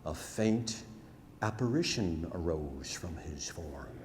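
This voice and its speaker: With a rumbling low voice that is expressive and takes its time, a man acts as storyteller for a rhymed narrative ballad on a theatre stage. The delivery is dramatic, folksy and emphatic, and the noisy live recording has hall reverb.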